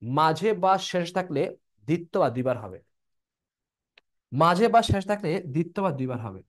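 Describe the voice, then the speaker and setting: Male tutor, pitched a bit high, drills rules over and over in a prep class. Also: sing-song, normal speed. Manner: repeats rules, checks if students are clear. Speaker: teacher. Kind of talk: online admission-prep lesson.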